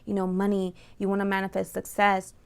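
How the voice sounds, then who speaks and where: A woman hosting her own channel gives a casual tarot reading close to the mic, her mid-range voice clear and resonant yet creaky, brisk, and completely flat in delivery. She's informal and chatty, constantly checking in with "right?" and "you know."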